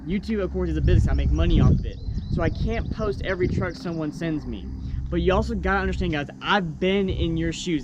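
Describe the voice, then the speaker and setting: A man's voice: fairly high pitch, highs cut off, noisy background. A young man talking casually and earnestly to his viewers as a vlogger, encouraging them in unscripted speech. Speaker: YouTube truck vlogger.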